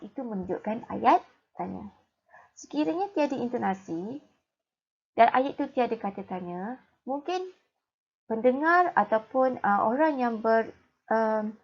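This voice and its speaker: Malaysian malay teacher lady explaining stuff clearly, breathy, muffled recording. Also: fairly high pitch. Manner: clear, explanatory classroom delivery. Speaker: primary school teacher. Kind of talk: recorded language lesson.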